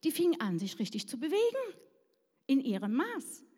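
Woman preacher, chatty storyteller, a bit high, reverberant church hall. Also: huge pitch swings, moderate pace, mellow. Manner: chatty, self-deprecating, asks "ja?" to the audience. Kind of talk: sermon with personal story.

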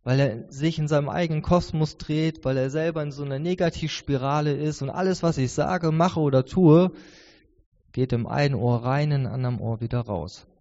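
A man in his thirties delivers a conversational, earnest sermon, his voice sitting a little high yet mellow in tone. The sound is dull and carries the long reverb of a large church hall. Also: moderate pace. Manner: earnest, conversational preaching with many restarts. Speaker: preacher.

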